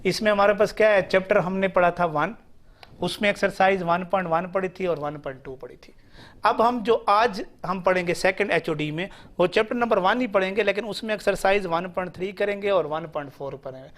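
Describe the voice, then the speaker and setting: A man's voice: high voice, fairly bright tone. A man teaching an online math class, talking students through the lesson plan and restating his points.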